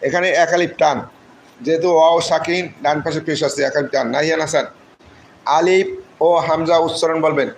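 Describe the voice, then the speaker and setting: Slow-spelling man teaching Quran recitation. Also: on the high side, steady tone, a little hiss or hum, low-quality recording. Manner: slow syllable-by-syllable spelling drills; greets viewers by name and answers comments. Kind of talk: live online tajweed class.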